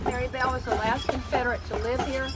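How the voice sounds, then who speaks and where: A woman's voice: sits high, steady tone, fast talker. An older woman of about seventy giving a chatty, explanatory sightseeing commentary as a tour guide, projecting to her group outdoors. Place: outdoors on a moving open carriage. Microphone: handheld phone a short distance away. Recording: very noisy outdoor phone recording, clopping hooves. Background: loud noise, horse hooves clip-clopping.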